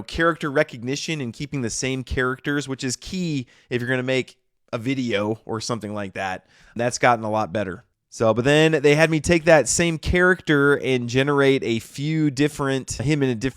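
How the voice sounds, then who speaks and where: A man's voice: medium pitch, clean tone, no room sound, clean studio sound. A man YouTuber casually talking through his workflow in a chatty tutorial, often checking in with "okay?".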